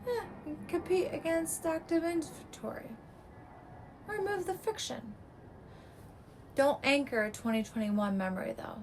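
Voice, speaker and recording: Slow, clipped woman with a strained voice. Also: high-pitched, noisy background. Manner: clipped, terse delivery in short fragments. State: voice giving out, strained. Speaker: real estate agent. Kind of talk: scripted market breakdown.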